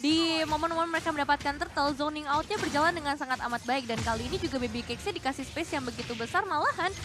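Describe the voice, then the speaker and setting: A woman's voice: high voice, fast talker, music in the background. An Indonesian woman giving live commentary on an esports match as a caster.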